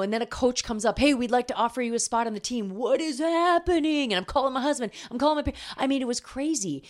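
A middle-aged woman hosts a solo podcast as a weight-loss coach. She talks earnestly and personally, and her voice sits at an ordinary middle pitch. She sounds sincere and easy to follow. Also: a little mellow.

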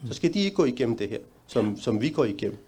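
A middle-aged man answering a question at a talk, earnest and measured, sometimes restarting a sentence. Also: mid-range voice, big pitch swings, warm tone, breathy edge. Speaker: panel speaker.

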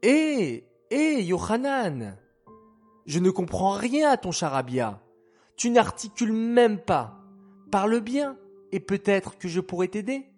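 A gentle, curious little girl asks her brother what is wrong, as a man voices her. Her voice is raised and questioning. Faint music plays underneath. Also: sits high, sing-song, takes it slowly, pitched above the performer's own voice, heavily acted. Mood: puzzled. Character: caring little sister, curious and proud.

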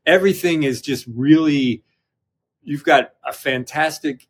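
A man speaking as an interview guest in casual conversation, halting and often restarting his sentences. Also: on the high side, slightly rough.

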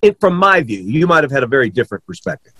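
A man casually chatting and recalling his time on a comedy show, with quick asides. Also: medium pitch, very animated, a bit bright, no echo. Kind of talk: casual reminiscing chat.

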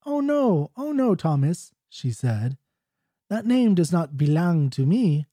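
A man's voice: fairly high pitch, big pitch swings, takes it slowly, mellow, no room sound, clean studio sound, full character voice. A man voicing a regal fairy queen, reading her lines of an old ballad in a mock Scottish accent. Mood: lofty. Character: regal fairy queen, a woman, stately and commanding.

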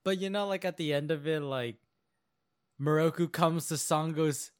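A man with a somewhat high voice chats casually on a podcast, recapping episodes in a loose, rambling way. He leans on fillers and drifts from one point to the next. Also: normal speed, clear, resonant tone. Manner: casual storytelling with many fillers and playful quoted voices. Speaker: podcast co-host. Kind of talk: casual chat reviewing anime episodes.

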